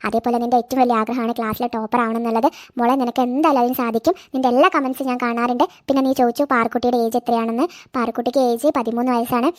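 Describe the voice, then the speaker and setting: A woman, the channel's creator, reading friendly outro shout-outs in a chatty, encouraging way. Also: fairly high pitch, steady tone, rapid-fire, hardly any pauses, no echo, studio quality.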